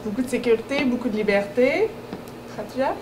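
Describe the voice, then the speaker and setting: A woman, speaking as an educational consultant at a public launch, hesitating often and filling pauses. Her voice sits a little high. The sound carries the echo of a large hall, with steady background noise. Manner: hesitant, many fillers. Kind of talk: presenting students at a public event.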